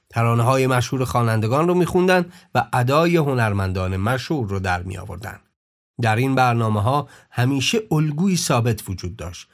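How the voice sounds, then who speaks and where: A man narrating a documentary podcast in a measured, informative scripted tone. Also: medium pitch.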